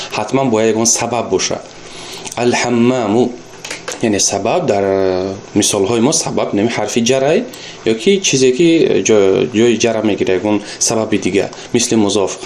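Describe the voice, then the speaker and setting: A man's voice: lowish voice, darkish tone, slight background noise. A man teaching a recorded Arabic language lesson, patiently repeating each example word and explaining it.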